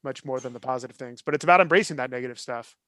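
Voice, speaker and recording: A man's voice: mid-range voice, very fast, pushed and bright, no echo, studio quality. A man co-hosting a podcast in casual chat, enthusiastic and often restarting his sentences. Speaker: podcast co-host.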